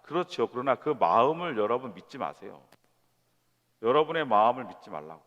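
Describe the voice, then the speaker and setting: A man preaching a sermon to young adults, conversational and lively, with rhetorical questions and quoted voices. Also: mid-range voice, brisk, dull audio. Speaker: pastor. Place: church sanctuary. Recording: long church hall reverb.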